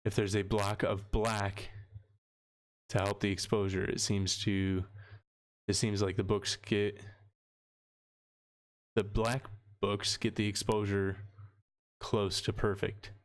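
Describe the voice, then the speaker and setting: A man's voice: lowish voice, level tone, slow pace, pauses often. A young man hosting a late-night livestream from a room full of books, rambling easily and laughing often. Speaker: livestream host. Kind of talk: casual livestream chat. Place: home room with shelves of books.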